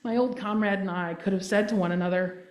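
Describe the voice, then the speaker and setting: A woman's voice: medium pitch, fairly even intonation, brisk, a little mellow. A woman giving a sermon as a guest minister, earnest and emphatic, checking in with the congregation as she speaks. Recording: roomy echo.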